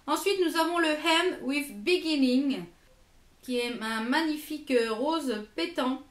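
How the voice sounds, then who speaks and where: Woman, French accent, beauty review vlog, hesitant with fillers, high pitch, roomy echo. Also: a little slow. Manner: hesitant, many fillers and repeated words. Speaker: beauty vlogger. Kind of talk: product review.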